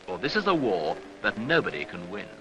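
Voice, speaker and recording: Over an archival 1970s soundtrack with background noise, a fairly low-pitched man delivers scripted newsreel documentary narration. His manner is measured, grave and rhetorical, yet very animated.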